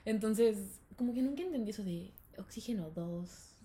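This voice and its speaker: A young woman with a Mexican accent telling a school story in casual chat, lively and full of laughter. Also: measured pace. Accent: Mexican Spanish. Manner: animated, laughing, acts out quotes in high voices.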